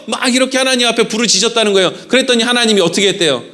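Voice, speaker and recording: A man's voice: extremely high pitch, very fast, pushed and bright. A male pastor preaching a sermon, who keeps asking his congregation questions and answering them himself. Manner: acts out quoted prayers in a raised voice.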